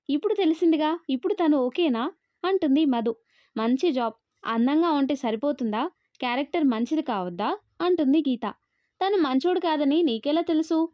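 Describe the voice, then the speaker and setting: High-voiced woman narrating a love story. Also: dry recording, dull audio. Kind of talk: scripted narration of a love story, all parts read by one voice.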